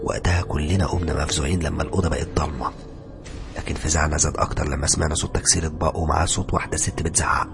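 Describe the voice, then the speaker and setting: A man's voice: a bass voice, steady tone, creaky, loud music behind the voice. A man with an Egyptian accent narrating a horror story in a dramatic way. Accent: Egyptian Arabic. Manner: rapid, dramatic telling.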